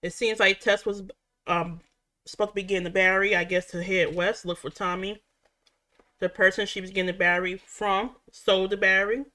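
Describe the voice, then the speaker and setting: A woman's voice: medium pitch, fairly even intonation, a little fast, pushed and bright. A woman chatting casually at home as a reaction vlogger, rambling with restarts as she recaps a show. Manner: rambling, frequent restarts and fillers.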